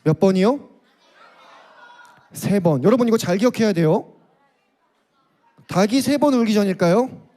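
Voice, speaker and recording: Brief: high-pitched male pastor, storytelling sermon for kids, asks questions. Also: animated, a little slow, pauses often, warm tone. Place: church.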